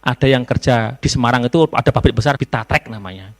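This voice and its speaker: A man gives a university lecture to students in a lively storytelling way, slipping into phrases. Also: mid-range voice, quick pace. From Indonesia. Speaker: novelist giving a guest lecture. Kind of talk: public lecture.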